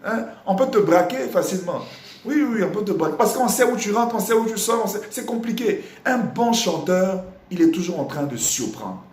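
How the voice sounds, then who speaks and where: A man from Congo teaching a singing lesson, explaining with lively repetition and breaking into sung examples. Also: high voice, normal speed, reverberant. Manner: animated, repeats phrases while explaining. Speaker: vocal coach.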